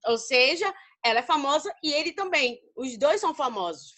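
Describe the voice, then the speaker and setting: A Brazilian woman teaches English grammar in a high, bright voice. She speaks to her class with affection and calls them babies. She keeps asking questions and answering them herself. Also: lively intonation, normal speed. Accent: Brazilian Portuguese. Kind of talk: recorded grammar lesson.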